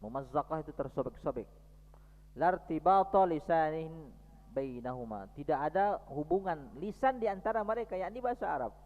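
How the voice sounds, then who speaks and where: A man preaching at a mosque study session, reading out Arabic text and explaining it in a lively lecturing manner. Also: on the high side, quick pace, few pauses. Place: mosque hall. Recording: long hall reverb, dull lo-fi sound.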